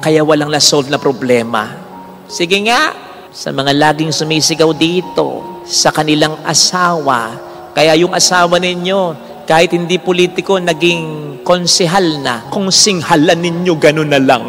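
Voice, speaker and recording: A high-voiced priest delivers an animated sermon, swinging from loud bursts down to hushed asides. His voice rings with long reverb through a large church, with faint music underneath. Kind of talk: Tagalog sermon with English phrases.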